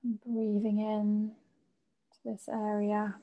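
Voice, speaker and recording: A woman leading a guided meditation in a soothing sleep-story manner, with gentle, unhurried phrasing and long pauses. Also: medium pitch, monotone, narrow, tinny audio.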